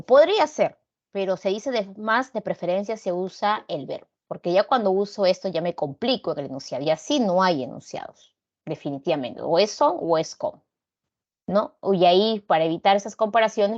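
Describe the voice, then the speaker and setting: A woman's voice: mid-range voice, a little mellow, highs cut off. A woman teacher with a Peruvian Spanish accent, giving a recorded class lecture and checking in with students through frequent tag questions.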